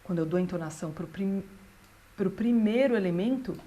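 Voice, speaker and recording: A woman, a language teacher patiently explaining grammar and slowing down to read out example sentences. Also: mid-range voice, dark tone. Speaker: German teacher.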